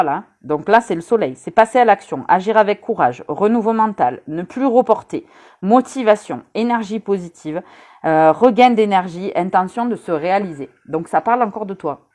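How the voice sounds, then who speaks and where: A woman's voice: fairly low pitch, a little mellow. A woman giving a casual live-stream rune reading, chatty and teasing, talking straight to her viewers with many hesitant fillers. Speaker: rune reader.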